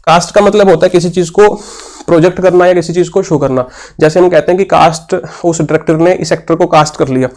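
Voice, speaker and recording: Here a young man tutors English for an exam in a fairly high, slightly mellow voice with fairly even intonation. Working through questions aloud, he reads them slowly and patiently explains, often answering questions he asks himself. Hindi is mixed with English terms throughout.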